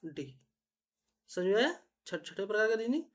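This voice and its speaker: A woman teacher, patiently explaining reasoning puzzles step by step and often asking if it is clear. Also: mid-range voice, very animated, moderate pace. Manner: patient, repetitive, checks understanding often.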